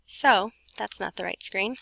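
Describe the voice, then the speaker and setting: Breathing heavily and short of breath, a woman who teaches Spanish records a grammar lesson, talking students informally through every step and self-correcting along the way. She speaks at medium pitch, a little slowly, with a sharp tone and vocal fry, in a room with no echo.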